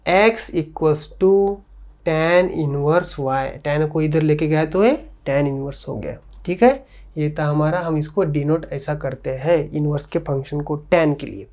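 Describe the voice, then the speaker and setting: A man's voice: fairly high pitch, darkish tone. Man teaching maths on a dull recording. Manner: keeps checking understanding with quick questions; repeats phrases while drawing on a board. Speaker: maths tutor. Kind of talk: classroom maths lecture.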